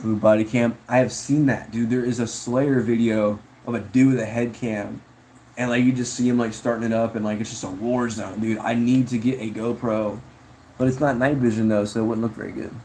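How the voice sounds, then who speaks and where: A man's voice: medium pitch, fairly even intonation, fairly quick, mellow, a little hiss or hum, low-quality recording. A man chatting casually on a livestream, rambling laid-back about viewer comments and calling people bro and dude. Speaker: streamer.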